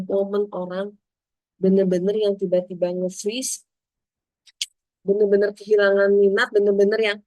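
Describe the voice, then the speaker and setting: Gentle woman giving a casual religious talk. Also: medium pitch, no echo. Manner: gentle, conversational, acts out quoted inner voices. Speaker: Islamic speaker.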